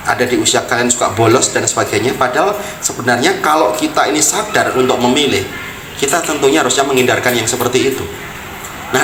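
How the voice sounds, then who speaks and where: A man's voice: medium pitch, noisy background. A male religious teacher giving an earnest talk that speaks directly to students in a school hall, recorded from a distant mic.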